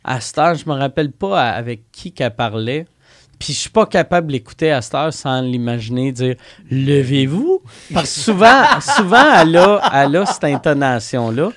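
A man's voice: on the high side, big pitch swings, normal speed, a bit bright. A man with a Québécois French accent hosting a podcast, joking and reading out listener questions in casual chat. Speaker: podcast host.

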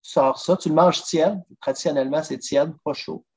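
A husky man with a Québécois accent and a voice on the high side speaks at normal speed as a podcast guest. Known as a drummer and food traveler, he chats in a lively way through recipes during a casual interview, often saying "listen." The recording sounds dull and lo-fi.

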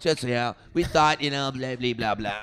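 A man's voice: medium pitch, a little slow, a bit bright, clean tone. A man comedian with a Quebec French accent telling a story in a casual talk, switching into English and swearing freely.

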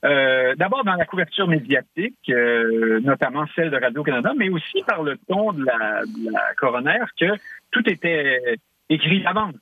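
A man's voice: mid-range voice, big pitch swings, normal speed, hardly any pauses, no echo. A man with a Québécois French accent, a political analyst guest on a radio show, speaking hesitantly with many fillers. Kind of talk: radio talk show conversation. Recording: husky voice over a tinny phone line.

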